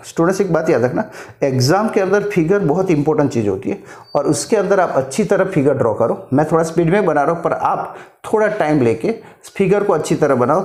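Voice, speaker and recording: A man's voice: fairly high pitch, darkish tone. A middle-aged man teaching a physics lesson, explaining step by step and mixing in English terms. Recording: echoey room.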